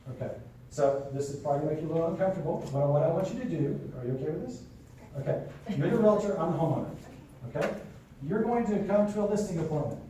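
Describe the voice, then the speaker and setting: A man's voice: a little high, dark tone, distant mic, slight background noise. Man teaching a class in an echoey room. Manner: conversational, keeps checking in with the class. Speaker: real estate trainer. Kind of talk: classroom lesson with role-play.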